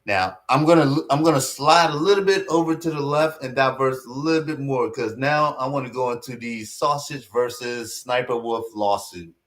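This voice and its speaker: A man's voice: mid-range voice, moderate pace, hardly any pauses, a bit bright. A man giving casual online commentary, rambling, with many fillers and restarts.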